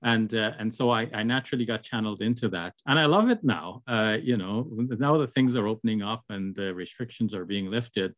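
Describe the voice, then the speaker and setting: A man's voice: on the low side, brisk, hardly any pauses, no echo. Older man from Guyana, hesitant. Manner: hesitant, many fillers and restarts. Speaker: guest, Islamic scholar. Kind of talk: casual interview over video call.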